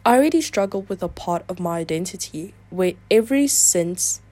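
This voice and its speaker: A woman's voice: on the low side, normal speed. Chatty woman reading confessions aloud. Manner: chatty, filler-heavy talk with frequent "like"; animated, reactive asides between read passages. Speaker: video creator.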